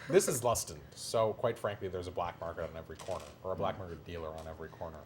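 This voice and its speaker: A man's voice: low-pitched, fast, a little mellow, a little hiss or hum. A man narrating as game master of a tabletop game, casual and often laughing.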